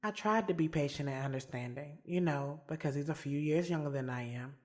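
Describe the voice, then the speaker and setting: Her voice is deep and darkish, brisk, and close to how she'd normally talk. Narrating and leading an audio drama series, the woman plays a bold, frank, strong-willed adult schoolteacher, confiding her love life through conversational, slangy, streetwise first-person dramatic narration.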